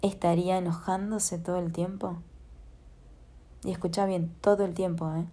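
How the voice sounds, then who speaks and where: A woman hosting a podcast, calmly guiding the listener through a spoken affirmation exercise and addressing her directly. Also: fairly low pitch, moderate pace. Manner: calm, coaching, speaks directly to the listener. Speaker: podcast host.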